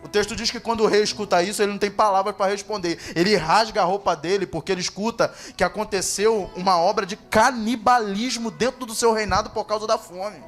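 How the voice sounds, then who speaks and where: A man with a notably high voice preaches at a church service, retelling a story with dramatic flair. He drops to near-whispers and then climbs to fervent, ringing peaks. Soft music plays faintly beneath him. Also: steady tone, quick pace, few pauses. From Brazil. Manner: impassioned, swings from hushed to loud. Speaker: pastor.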